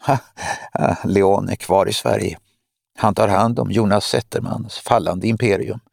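Audiobook villainess, cold, mocking spymaster woman, read by a man, gravelly, close and dry. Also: lowish voice, steady tone, a little mellow, no echo. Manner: mocking, lecturing, menacing. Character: cold scheming woman spymaster, middle-aged.

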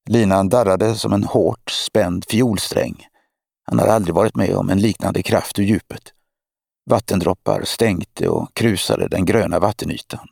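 A man reading an audiobook in a measured, steady narration. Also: deep voice, gravelly, no echo, clean studio sound. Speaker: audiobook reader. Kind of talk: scripted narration.

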